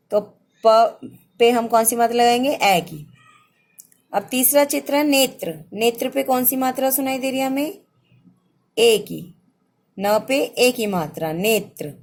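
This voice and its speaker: Slow, patient woman teaching children. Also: a little high. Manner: patient, repeats words slowly for young pupils. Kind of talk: children's phonics lesson.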